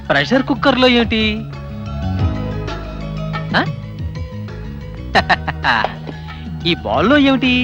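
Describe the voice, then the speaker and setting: A man's voice: sits high, muffled recording, heavily acted. An actor playing a cheeky young man who teases and pesters a woman doctor in a comedy film scene. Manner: playful, teasing, mock-pleading.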